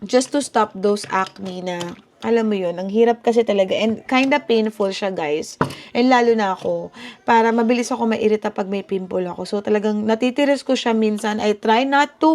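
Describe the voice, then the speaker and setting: A woman's voice: medium pitch, slight background noise. A woman in her thirties from the Philippines, chatting casually as a vlogger in her home kitchen and mixing Tagalog and English. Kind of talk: casual vlog chat. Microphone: small handheld camera. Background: background music.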